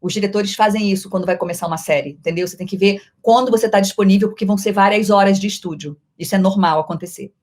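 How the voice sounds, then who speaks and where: Speaking fast with hardly any pauses, this middle-aged Brazilian woman, a voice actress, answers viewers' questions during a playful live stream. Her mid-range voice carries a Brazilian Portuguese accent and frequently changes in volume and pace.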